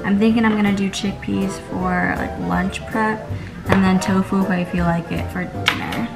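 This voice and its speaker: This young woman in her twenties narrates a casual lifestyle vlog while driving, grocery shopping and cooking at home, chatty but slightly wry and worn out. Her voice sits in the mid range with some vocal fry. Background music plays, and the handheld camera is held near her face.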